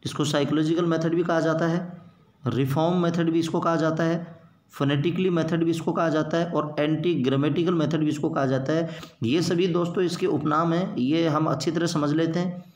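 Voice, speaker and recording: A man's voice: fairly high pitch, fairly even intonation, darkish tone. Man teaching in an echoey room. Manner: explains in Hindi mixed with English terms, repeats for emphasis; reads English quotations slowly, then glosses them. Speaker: English teacher. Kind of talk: exam-prep lecture.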